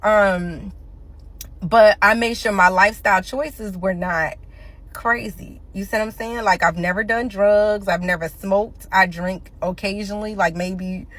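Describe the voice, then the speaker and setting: A fifty-year-old woman with a steady, mid-range, fairly bright voice speaks at a measured pace. She's a commentator ranting casually but emphatically into her phone, sticking up for people her own age.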